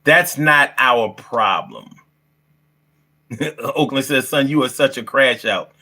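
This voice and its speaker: Sharp in tone and slow in pace, this medium-pitched man in his fifties hosts an informal livestream. He uses heavily profane, slangy street talk in a brash manner, and he restates phrases to stress them.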